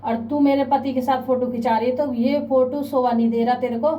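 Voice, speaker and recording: A woman's voice: sits high, steady tone, a little fast, mellow, close to an everyday voice. A woman voicing an aggrieved young bride. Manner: aggrieved, pleading. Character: young woman, upset bride-to-be complaining about her mother. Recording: a bit distant, faint background noise.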